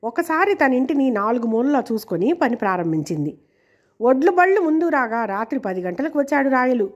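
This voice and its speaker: A woman storyteller reads out a serialized novel in a steady, measured way. Her voice sits high. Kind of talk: scripted narration of a serialized novel.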